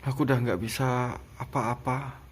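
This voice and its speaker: A man retelling a frightening personal experience slowly and emotionally. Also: medium pitch, fairly even intonation, slight background noise. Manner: slow, emotional retelling with pauses. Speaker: vlogger telling a personal experience. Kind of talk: first-person storytelling.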